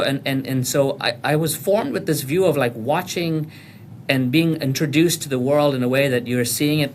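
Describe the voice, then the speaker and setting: Casting note: middle-aged man born in Kenya, podcast guest, mid-pitched, thoughtful and halting, faint rumble underneath. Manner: thoughtful, many restarts and fillers. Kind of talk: reflective conversational answer.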